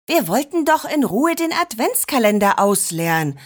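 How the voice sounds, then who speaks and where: A woman voicing an excited little girl who squeals with delight in a storybook reading. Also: a little high, moderate pace, pitched above the performer's own voice. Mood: protesting.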